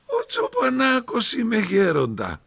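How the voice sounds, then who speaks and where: A man's voice: very high voice, wildly swooping pitch, gravelly, a bit bright, slightly rough, no room sound, pitched above the performer's own voice, exaggerated voice. A man voicing a simple, illiterate old shepherd who prays with naive devotion. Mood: humble. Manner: pleading, naive, repetitive praying.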